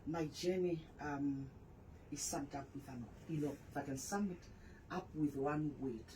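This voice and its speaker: A woman's voice: sits low, measured pace, warm tone, slight background noise, poor audio. A woman in her forties, a pastor and author, candidly telling her personal story in a radio interview. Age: 40s.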